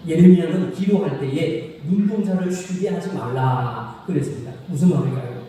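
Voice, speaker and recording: A male pastor with a dark yet fairly high-pitched voice preaches a sermon in a church sanctuary, reading scripture slowly and solemnly, asking the congregation questions and repeating key phrases. The recording has echoey hall reverb from a distant mic and faint noise.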